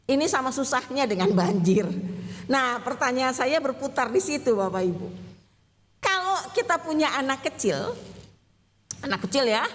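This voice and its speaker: A woman pastor with a high, bright-pitched voice gives a chatty, conversational sermon from inside a church. She keeps asking the congregation questions and laughs easily. Her voice rings with a long reverberant hall echo.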